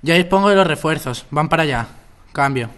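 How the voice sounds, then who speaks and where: A teenage boy playing a calm military base operator in an amateur radio drama, using formal procedure talk over a radio. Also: fairly high pitch, a little fast, very noisy, close to an everyday voice. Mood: businesslike. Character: military control-tower operator, calm and apologetic. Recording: loud music behind.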